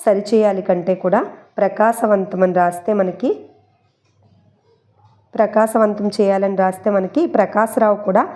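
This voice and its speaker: A woman with a mellow, warm voice talks through an exam-prep lesson, teaching memory tricks. She chats casually, repeats the key points and slips English words into her explanations. She is recorded close to the mic. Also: mid-range voice, steady tone, normal speed, pauses often.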